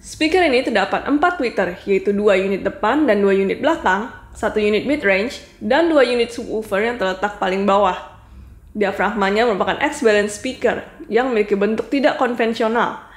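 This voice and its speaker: A woman's voice: mid-range voice, normal speed. A woman reviewing a product in a casual demo, talking viewers through it step by step in a chatty way. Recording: echoey room with faint noise.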